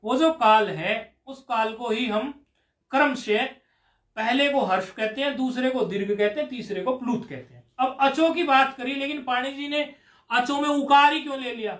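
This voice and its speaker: High-pitched male teacher lecturing, chants rules slowly, coaxes students; echoey classroom. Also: a bit bright. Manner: drawn-out chanting of sutras, coaxing questions to students. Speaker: Sanskrit grammar teacher. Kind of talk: classroom lecture explaining a grammar rule. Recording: echoey room.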